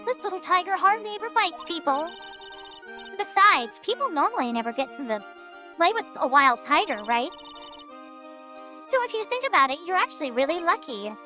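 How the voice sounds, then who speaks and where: A woman's voice: extremely high pitch, big pitch swings, normal speed, pauses often, bright, forceful tone, soft background music, heavily acted. A woman doing a sugary flirty circus animal tamer. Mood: coaxing. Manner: sweet, wheedling.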